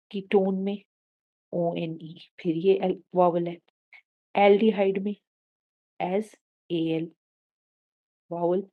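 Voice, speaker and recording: Woman teacher, patient step-by-step explaining, warm mellow voice, mid pitch. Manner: Hindi-English mix, patient step-by-step explaining. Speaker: science teacher. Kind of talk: explaining a chemistry lesson.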